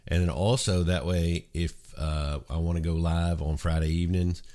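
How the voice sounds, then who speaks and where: A man with a low voice hosts a casual morning chat show, sounding a little congested from a cold. He rambles in a relaxed way at normal speed, with plenty of ums and uhs.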